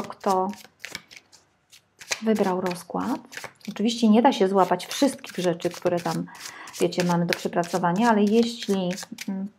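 A woman's voice: mid-range voice, gravelly, a little mellow, a little hiss or hum. A woman reading tarot for her viewers in a chatty, casual way, sometimes dropping to a whisper while she lays out the cards. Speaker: tarot reader.

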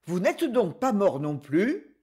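A flustered young man, hesitant and apologetic, read by a woman. His voice is soft and breathy with a slow pace and lively pitch. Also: exaggerated voice.

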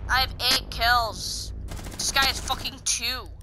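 A young woman commentating live on her own match, excitable and sarcastic, swearing as she plays. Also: a little high, a little slow, noisy background. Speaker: gamer streaming her match. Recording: game sounds loud under voice. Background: gunfire and game sound effects.

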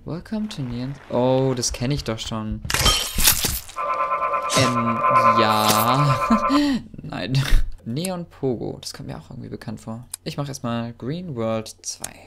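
A man giving excitable, chatty commentary while playing a game, often yelping and exclaiming. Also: medium pitch, slow, gravelly, very noisy. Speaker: let's player.

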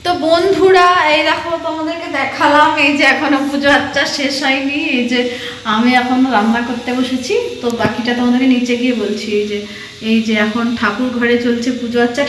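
A middle-aged woman from West Bengal talking casually to her viewers in a home vlog, chatty and friendly, sometimes mildly scolding her son. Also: fairly high pitch. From West Bengal, India. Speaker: vlogger. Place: home, moving between rooms. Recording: echoey home rooms, faint room noise.

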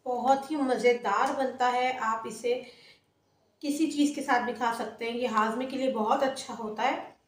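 Cooking host, woman, high voice, step-by-step recipe narration in an echoey home kitchen. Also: fairly even intonation, normal speed. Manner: plain, explains each step as she works.

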